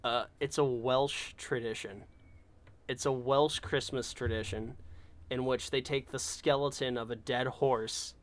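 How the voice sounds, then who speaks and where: A man's voice: medium pitch, steady tone, measured pace. Rambling man on a chat podcast. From California. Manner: chatty, rambling with restarts. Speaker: podcast co-host. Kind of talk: casual chat.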